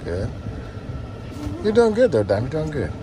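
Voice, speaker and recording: A man's voice: on the high side, wildly swooping pitch, measured pace. Man instructing like a driving teacher, noisy vehicle. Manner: instructing in short, repeated directive commands. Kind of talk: hands-on driving lesson instruction. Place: inside a parked or slowly moving van.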